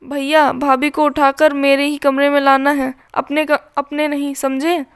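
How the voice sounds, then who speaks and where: A mischievous younger sister who coaxes and teases, as a woman narrator voices her. The voice sits high with little rise and fall. It is read slowly. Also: flat delivery. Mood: teasing. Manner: coaxing, teasing. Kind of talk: storybook reading.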